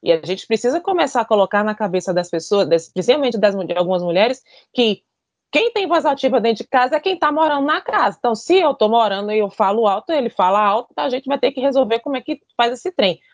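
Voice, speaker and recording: A woman's voice: fairly high pitch, lively intonation, fast talker, dry recording. A woman, speaking bluntly and emphatically in a casual panel discussion.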